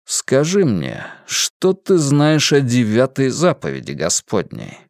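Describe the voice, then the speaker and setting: A man voicing a stern dark-haired inquisitor who speaks coldly and slowly. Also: medium pitch, huge pitch swings, no echo, studio quality, full character voice. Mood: cold menace. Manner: cold, stern, slow.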